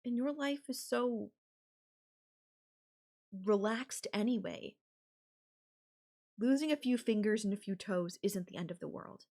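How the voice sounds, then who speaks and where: In an ASMR roleplay, a woman voices an obsessive, possessive, murderous girlfriend, speaking deliberately with drawn-out phrases and pauses. Her mid-range voice has a darkish tone, and the mood is calm menace.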